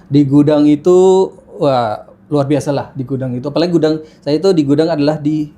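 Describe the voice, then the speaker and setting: A man's voice: fairly high pitch, steady tone, brisk, mellow. A man in his thirties, a podcast guest telling his life story in casual chat, with many fillers and restarts. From Jakarta, Indonesia. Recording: faint background noise.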